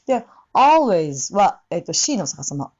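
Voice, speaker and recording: A woman's voice: lowish voice, sing-song, fairly quick, darkish tone, husky, muffled recording. A woman teaching English pronunciation for singing, demonstrating the sounds by repeating words. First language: Japanese. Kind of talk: casual spoken lesson.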